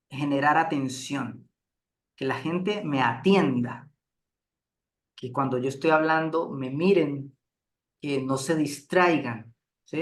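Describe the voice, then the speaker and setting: A man giving a relaxed lecture on facilitating groups, often checking in with his listeners. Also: a little high. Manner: unhurried, checks in with frequent "¿sí?".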